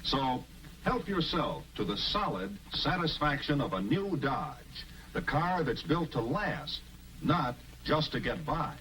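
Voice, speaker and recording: A man delivering a 1950s TV commercial pitch in a folksy, confiding salesman manner, heard as old broadcast audio. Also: animated, slow pace, distant mic, rough recording. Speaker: commercial announcer.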